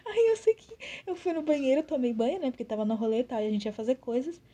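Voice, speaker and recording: Young woman telling a story, high mellow voice, does all the dialogue. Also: fast, breathy edge, muffled recording. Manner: animated, acts out quoted dialogue. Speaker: podcast co-host. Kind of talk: casual storytelling chat.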